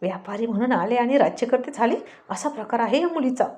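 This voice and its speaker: A woman's voice: fairly high pitch, expressive, fast, dark tone, natural voice. A woman voicing a brusque, teasing young man who speaks in a curt, bossy way in a spoken story.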